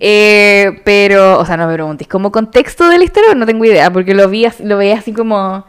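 A woman's voice: mid-range voice, expressive, clear, resonant tone. A young woman with a Chilean Spanish accent, co-hosting a casual chat, joking and using slang. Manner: joking, slangy, quick retorts.

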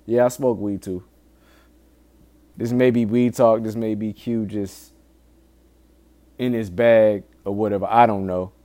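Hosting a solo podcast, a man with a fairly low, dark voice speaks at a measured pace with fairly even intonation and frequent pauses. He's casual and candid, swearing often while earnestly urging listeners to heed his warnings.

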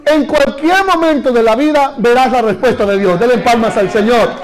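A man's voice: very high-pitched, moderate pace, noisy background. A man preaching a sermon as pastor, with fervent, repetitive exhortations and calls for the congregation to repeat after him.

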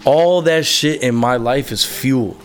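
Soft background music plays as a young musician, interviewed in a candid personal conversation, talks slowly about his life. His voice is medium in pitch, and he rambles with many fillers and casual swearing.

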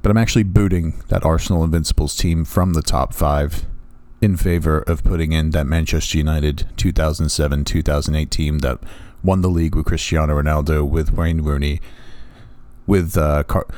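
A man's voice: very deep voice, fairly even intonation, moderate pace, darkish tone, no echo. A man with a groggy morning voice, recording a rambling aside to listeners while editing his podcast. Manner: rambling, self-correcting, many "uh" fillers. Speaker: podcast host editing the show.

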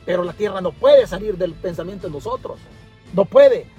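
A man's voice: sits high, expressive, normal speed, mellow, husky, dull audio, soft background music. A Salvadoran man ranting passionately from his car during a livestream, repeating himself for emphasis. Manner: impassioned, repetitive, preachy. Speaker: political commentator. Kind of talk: livestream rant.

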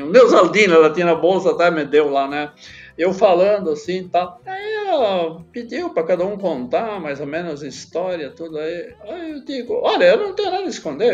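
An older man talks in a high voice as a podcast guest. He rambles and acts out the dialogue he quotes. The audio is dull and lo-fi, with faint music underneath. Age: 70s. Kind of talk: casual storytelling.

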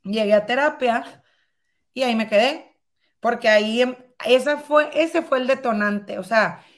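A woman in her thirties telling a personal story as a guest in conversation, lively and acting out past dialogue. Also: on the high side, unhurried. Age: 30s.

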